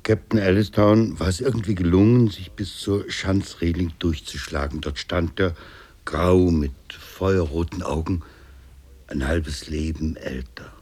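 A man playing a weary ship captain in a 1970s radio drama, husky and low. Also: steady tone, measured pace, darkish tone. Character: weary ship captain, grey, aged by storm.

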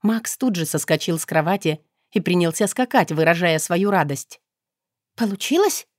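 A woman's voice: fairly low pitch, normal speed, no room sound. A woman reading a first-person audiobook in a wry, conversational manner, close to the mic. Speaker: audiobook narrator.

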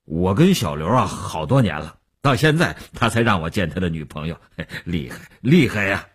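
A man's voice: deep voice, expressive, normal speed, husky. A man voicing a jovial, teasing middle-aged boss at a dinner banquet.

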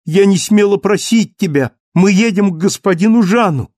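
A man voicing a joyful, eager young woman in an audiobook reading, speaking in excited exclamations. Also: sits high, moderate pace, no echo, studio quality, pitched above the performer's own voice.

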